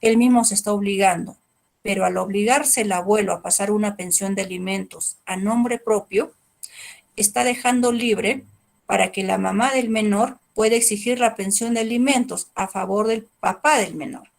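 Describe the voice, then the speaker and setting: Peruvian Spanish woman, middle-aged court trainer, gravelly mid-pitched voice, explanatory and patient. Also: normal speed. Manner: explanatory, with rhetorical questions and fillers. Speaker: court trainer on family law. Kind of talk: training lecture.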